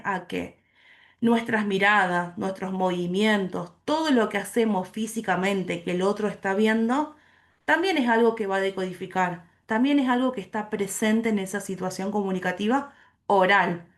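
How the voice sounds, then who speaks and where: Woman teaching an online class. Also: mid-range voice. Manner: explains slowly, asks the class questions.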